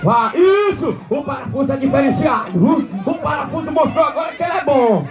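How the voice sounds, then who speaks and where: A man calls a rodeo live, his voice pitched very high as he shouts jokes and eggs on the people. A loud crowd roars around him at the outdoor arena, and clear music plays behind. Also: animated, fairly quick. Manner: shouting, joking, egging on the crowd. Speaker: event announcer. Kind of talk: live bullfight-style rodeo commentary.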